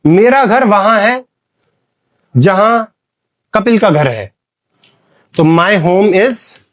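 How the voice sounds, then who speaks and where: A man's voice: sits high, animated, very slow. A man with an Indian accent teaching an English grammar lesson, explaining in Hindi, giving English examples and quizzing his students as he goes. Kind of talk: classroom lesson.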